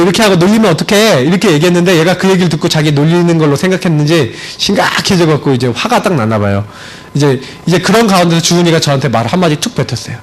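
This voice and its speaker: Animated high-voiced man preaching. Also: poor audio. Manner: animated, swings from high emphatic points to low storytelling. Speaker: pastor. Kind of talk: sermon with personal story. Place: church sanctuary.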